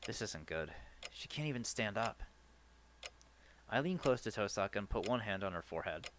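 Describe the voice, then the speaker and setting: A man's voice: on the low side, normal speed, slight background noise. A man hosting a let's play, reading a visual novel's first-person narration aloud with the occasional stumble. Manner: earnest first-person narration with a lively delivery and some stumbles. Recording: faint game music behind.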